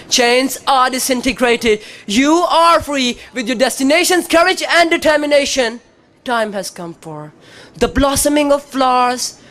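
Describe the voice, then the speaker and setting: High-pitched Pakistani woman declaiming with precise elocution. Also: fairly bright tone. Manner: theatrical, emphatic, deliberate precise elocution in short phrases with pauses. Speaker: student competitor in a declamation contest. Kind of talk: dramatic declamation speech.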